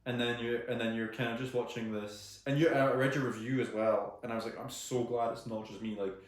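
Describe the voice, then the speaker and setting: A man's voice: mid-range voice, steady tone, fairly quick. A man co-hosting a podcast, talking casually with frequent restarts and dry wit. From United Kingdom. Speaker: podcast co-host. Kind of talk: casual film chat. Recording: echoey room.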